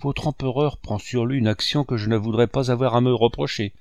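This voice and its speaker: A man's voice: medium pitch, steady tone, a little fast, darkish tone, no room sound, natural voice. A man reading the part of an old, sorrowful male painter, speaking in impassioned, wounded pleading. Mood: indignant.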